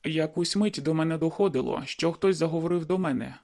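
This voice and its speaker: A man's voice: fairly high pitch, brisk, creaky, darkish tone. A man reading a first-person novel aloud in a brooding, inward manner. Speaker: audiobook narrator. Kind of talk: first-person audiobook narration.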